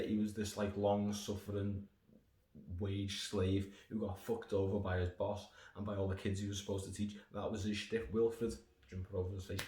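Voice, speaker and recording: Low-ish and darkish in tone, this British man's voice carries a sweary, sarcastic snack review that rambles casually and keeps digressing. He's from the United Kingdom; the recording has room echo and faint noise.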